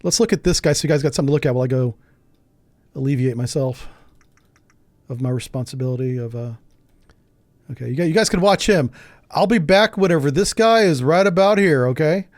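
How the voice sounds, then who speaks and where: Male streamer, chatty and quick to laugh, higher-pitched speaking voice. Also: lively intonation, darkish tone, no room sound. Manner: chatty, jokey, laughs often, thinks aloud. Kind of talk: casual live gameplay commentary.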